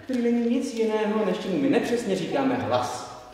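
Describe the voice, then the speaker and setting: A male stage actor playing a pompous, pedantic professor who lectures in a theatrical, declamatory way, swinging between soft and loud. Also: high voice, big pitch swings, background noise. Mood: declaiming. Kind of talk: live theatre performance. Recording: echoey stage recorded from far off.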